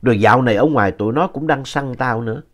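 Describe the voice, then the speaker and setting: A man voicing a calm, fearless middle-aged killer with a southern Vietnamese accent, talking in a flat, matter-of-fact way. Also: medium pitch, fast talker, close to an everyday voice. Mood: unbothered. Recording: dull lo-fi audio.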